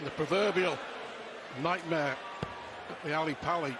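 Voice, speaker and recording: A man's voice: on the high side, normal speed. A man commentating live on darts in a conversational style. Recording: loud crowd noise behind commentary. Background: noisy darts crowd.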